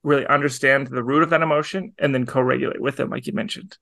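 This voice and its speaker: A man co-hosting an education podcast, speaking in casual chat and pausing to rephrase his thoughts. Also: mid-range voice, steady tone, creaky, sharp tone, no echo. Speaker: podcast co-host.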